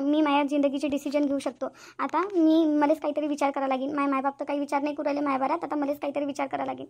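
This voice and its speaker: Brief: whiny lovesick cartoon teen girl, voiced by a woman, high and quick. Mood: brooding. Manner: pleading, repetitive whining. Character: lovesick teenage girl, stubborn and tearful. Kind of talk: cartoon voice acting.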